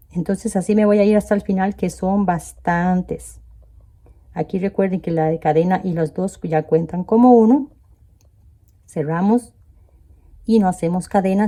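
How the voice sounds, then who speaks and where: A woman's voice: medium pitch, mellow. A woman teaching a crochet tutorial step by step, counting stitches aloud and checking in with viewers. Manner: addresses viewers directly with "¿ven?". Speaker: crochet instructor.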